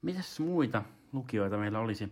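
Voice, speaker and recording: A man hosting a casual comedic monologue in a relaxed, rambling way. He often stops and restarts his sentences as he goes. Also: lowish voice. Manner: rambling, stop-start talk. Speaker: host.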